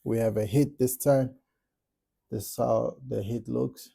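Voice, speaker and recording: A man from South Africa with a South African accent, calmly walking through how he builds a track, step by step, in a casual tutorial. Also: medium pitch, a little slow, gravelly. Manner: relaxed step-by-step explaining. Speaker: music producer tutorial host. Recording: music playing in the background.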